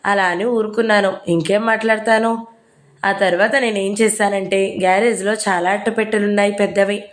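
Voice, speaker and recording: Woman narrator, audio novel reading, plain storytelling voice, medium pitch. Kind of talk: reading a novel aloud, voicing dialogue.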